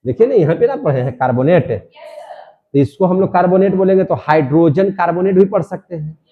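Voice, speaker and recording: A man's voice: sits high, expressive, a little fast, narrow, tinny audio. A male chemistry teacher lecturing a classroom, repeating each question and drilling the answer emphatically.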